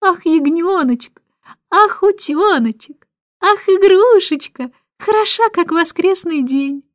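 A woman voicing a fussy, excitable older female housekeeper in a storybook reading, gushing and breathless. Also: high voice, unhurried, dry recording, clean studio sound, voice pushed up. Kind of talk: audiobook character reading.

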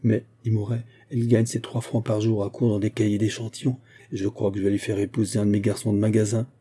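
Calm self-assured shop boss, guy reading him, low dark voice. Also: fast, breathy edge. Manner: calm, even-toned. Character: calm, self-assured male store owner.

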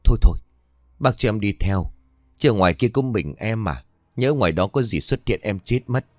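Frightened village woman, shrill and pleading, lively swings, a man puts her on. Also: normal speed, no echo, studio quality, close to an everyday voice. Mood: panicky.

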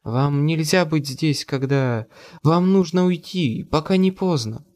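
A woman's voice: deep voice, a little slow, darkish tone, pitched above the performer's own voice. A man voicing a frightened, desperate mother who pleads tearfully. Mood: urging.

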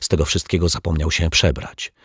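A man's voice: rumbling low, flat delivery, fairly quick, a bit bright, husky, no echo, studio quality. A man reading a children's detective story aloud with a playful, swooping delivery. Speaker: audiobook narrator. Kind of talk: expressive storybook narration.

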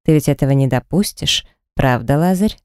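A man's voice: on the high side, moderate pace, darkish tone, clean tone, no room sound, clean studio sound, close to an everyday voice. A man voicing a cruel male kidnapper who taunts in a mocking, sing-song way. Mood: menacing.

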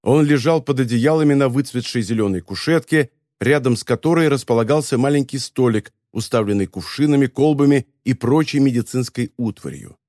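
A man reading a story as an audiobook narrator, in an even, measured telling. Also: medium pitch, no echo, clean studio sound. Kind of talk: scripted narration.

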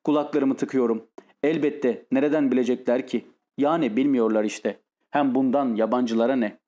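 A man voicing a tormented, lonely, nervous man who speaks in a halting, pained way in an audiobook. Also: mid-range voice, fairly even intonation, warm tone, lightly acted. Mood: troubled.

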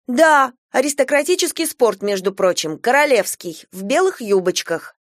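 A defiant young girl yelling and protesting in a storybook reading, her voice pitched high and loud, as a woman narrator puts her on. The sound is dry and close, with no room around it. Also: animated, normal speed, dry recording, close to an everyday voice. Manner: wailing, shouting, indignant.

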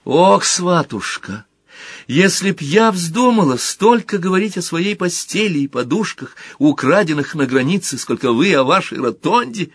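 A man's voice: on the high side, animated, normal speed, breathy edge, no echo, pitched above the performer's own voice. A man voicing a weepy, plaintive middle-aged mother who pleads and whines. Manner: whiny, pleading.

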